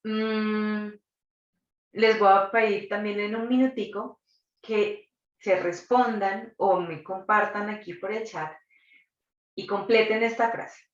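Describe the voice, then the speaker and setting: A woman's voice: medium pitch, steady tone, slow. A woman, a psychologist and doula, leading a live online workshop and asking the audience reflective questions. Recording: distant, dull, roomy recording.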